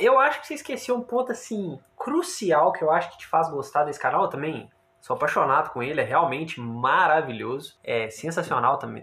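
A man's voice: mid-range voice, a bit bright. A man with a Brazilian Portuguese accent chatting casually and jokily as a podcast co-host. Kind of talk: casual chat.

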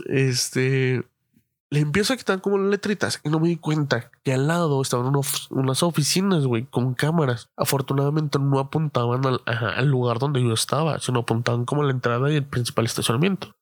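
Young guy, casual storyteller: rambling, slangy, swears a lot, mid-pitch voice, dry close mic. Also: fairly quick, no echo. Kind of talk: casual anecdote telling.

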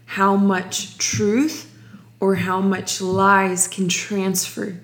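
A woman's voice: mid-range voice, little pitch movement. A young woman from Ukraine sharing her personal faith testimony in an interview, reflective and full of restarts. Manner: slow, reflective, many restarts.

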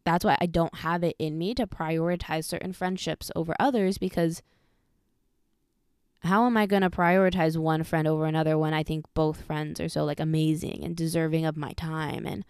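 Giggly and talkative, a woman in her twenties hosts a podcast where she tells animated stories about her life in casual conversation. Her voice sits low with a clean tone, and the studio recording is dry.

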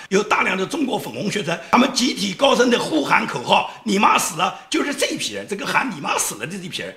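A man's voice: high voice, pushed and bright, roomy sound. A man giving a political commentary monologue, sarcastic and scornful, often laughing mid-sentence.

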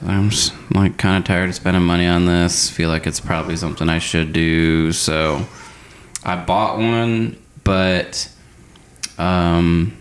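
Low, slow-talking male podcast co-host. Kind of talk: casual chat. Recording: faint background noise.

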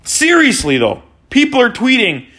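A man in his forties ranting exasperatedly as a hockey fan after a loss, sometimes shouting. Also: high-pitched, expressive, normal speed. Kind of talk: post-game fan rant.

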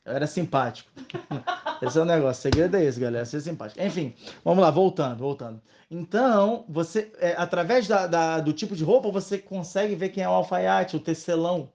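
A man with a Brazilian Portuguese accent teaching a casual weekly Torah lesson, telling stories in a lively, joking way. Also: a little high, a little fast.

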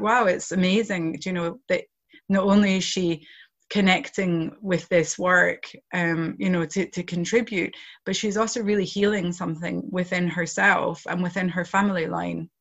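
In a reflective interview, a project founder who isn't from Ireland speaks earnestly, leaning heavily on "you know" as filler. Her voice sits in the mid range, and the audio sounds dull.

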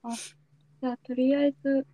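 A woman's voice: high-pitched, little pitch movement, a little fast, no echo, narrow, tinny audio. A young adult woman hosting a podcast, chatting casually as she interviews a guest. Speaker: podcast host.

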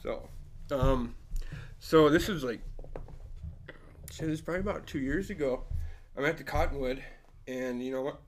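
A man's voice: mid-range voice, normal speed, long pauses. A young adult man in casual chat, telling a rambling story with frequent laughs and casual swearing.

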